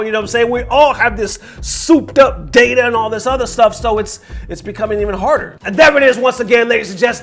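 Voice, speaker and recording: A man in his forties hosting a casual video commentary, telling stories with loose slang and frequent asides to viewers. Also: sits high. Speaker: host.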